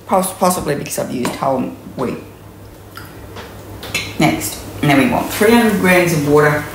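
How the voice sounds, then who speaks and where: A woman's voice: deep voice, normal speed. A woman in her sixties with an Australian accent, giving a chatty, rambling cooking tutorial in her home kitchen, with plenty of ums. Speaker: cooking demonstrator. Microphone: camera mic from mid distance. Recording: roomy kitchen with steady noise.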